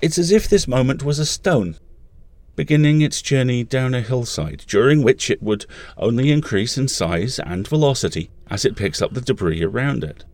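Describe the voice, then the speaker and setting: A man playing a solemn, cryptic narrator, giving measured, literary narration in an audio drama. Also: mid-range voice, expressive, darkish tone, no echo, lightly acted. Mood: solemn, ominous. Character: solemn, cryptic male inner narrator speaking in metaphors. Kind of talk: scripted second-person dramatic narration.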